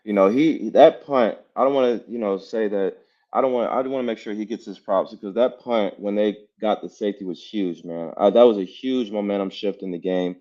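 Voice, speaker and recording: A man's voice: lowish voice, brisk. A man co-hosting a casual sports talk show, talking loosely with lots of "you know" and repeated phrases. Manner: relaxed, repeats himself, many "you know"s. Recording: dull lo-fi sound.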